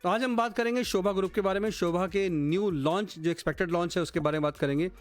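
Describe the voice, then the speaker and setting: High-voiced man walking through slides. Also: fast talker, over loud music. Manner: code-switching, addresses viewers as friends and guys. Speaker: real-estate channel host. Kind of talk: presenting slides to camera.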